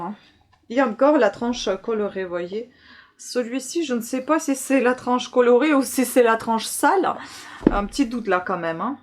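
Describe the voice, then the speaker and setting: Hesitant chatty woman book vlogger. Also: a little high. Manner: hesitant, full of filler sounds, chatty. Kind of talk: casual book haul chat.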